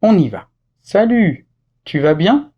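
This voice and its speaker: Husky male French teacher, lively pitch. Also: takes it slowly, lo-fi sound. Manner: clear, didactic explanation with example phrases. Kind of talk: scripted lesson narration.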